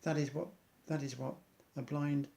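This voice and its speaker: A man's voice: on the high side, steady tone, moderate pace, gravelly, warm tone. A man, an amateur athlete, earnestly reciting an inspirational monologue in loose rhymes.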